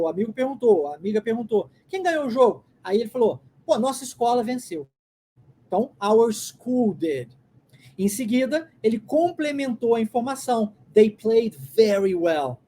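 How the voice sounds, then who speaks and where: A Brazilian woman teaching English in Portuguese, explaining patiently and modeling phrases slowly with a rising lilt. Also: a little high, warm tone, breathy edge. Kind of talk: language lesson.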